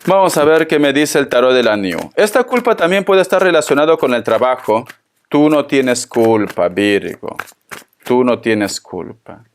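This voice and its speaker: A man's voice: mid-range voice, animated, a little hiss or hum. A man giving a spoken tarot reading, talking to the listener in a consoling, tender way and repeating his phrases. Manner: slow, repetitive, consoling, addresses the listener tenderly. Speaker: tarot reader.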